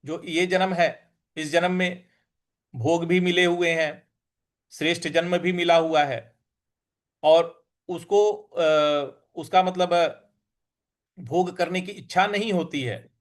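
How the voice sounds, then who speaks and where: Man, teacher, recitation lesson, high voice, slow syllable-by-syllable drilling. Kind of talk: Sanskrit verse recitation lesson.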